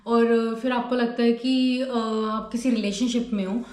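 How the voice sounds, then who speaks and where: A woman's voice: on the high side, steady tone, unhurried, darkish tone. Woman giving advice in an echoey room. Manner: mixes English words into Hindi, acts out little dialogues. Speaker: self-help video host. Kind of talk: casual advice talk.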